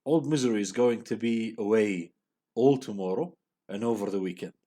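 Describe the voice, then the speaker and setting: A man reading aloud the lines of a quiet, intense teenage boy, in a flat and brooding way. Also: on the low side, normal speed, natural voice.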